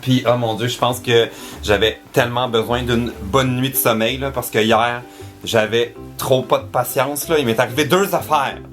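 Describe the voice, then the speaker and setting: A young man from Quebec with a Québécois French accent, chatting in a casual travel vlog, animated and laughing as he tells stories. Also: medium pitch, moderate pace, soft background music. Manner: animated, laughing, exclaims often. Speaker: vlogger.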